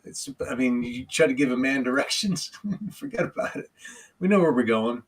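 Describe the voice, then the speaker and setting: A man on a casual livestream panel, speaking in a thoughtful, halting, folksy way, picked up by a distant mic. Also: mid-range voice, lively intonation. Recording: distant, husky mic pickup.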